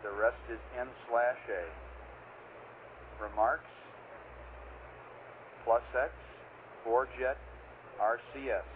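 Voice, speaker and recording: A man's voice comes over a narrow, tinny radio line with faint static. He is a mission control communicator. He reads out long strings of figures at a slow, careful pace. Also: mid-range voice. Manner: slow, deliberate reading of numbers. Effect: heard over a radio link. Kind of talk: radio air-to-ground exchange.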